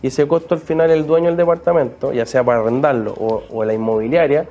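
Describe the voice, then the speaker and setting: A middle-aged man with a Chilean accent, talking as a guest on a chat show. His voice sits in an average middle range. He speaks haltingly, restarting his phrases often. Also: medium pitch, mellow, highs cut off. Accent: Chilean Spanish. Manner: halting, many restarts and fillers. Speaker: real estate guest. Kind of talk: casual talk-show chat.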